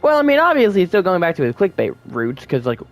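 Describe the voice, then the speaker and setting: A man's voice: high-pitched, huge pitch swings, quick pace. A man giving casual online commentary, rambling with frequent self-corrections. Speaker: YouTube commentator.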